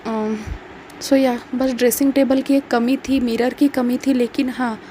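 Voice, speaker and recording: A young woman talks casually to her camera as a travel vlogger, slipping English words into her sentences. Her voice is dark and mellow and holds a fairly narrow pitch range. A faint ambient hum sits behind her. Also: flat delivery, measured pace. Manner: chatty, mixes English words into Hindi. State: feeling feverish, speaking softly. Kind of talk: casual travel vlog chat.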